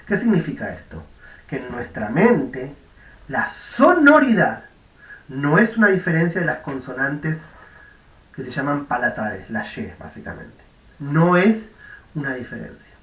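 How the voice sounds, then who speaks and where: A man's voice: mid-range voice, fairly bright tone, recorded from a distance. A man with a Rioplatense Spanish accent giving a university lecture, explaining step by step, demonstrating sounds aloud and often checking that his students follow. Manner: explanatory, checks understanding with "¿m?" and "¿de acuerdo?". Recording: echoey room, voice off-mic.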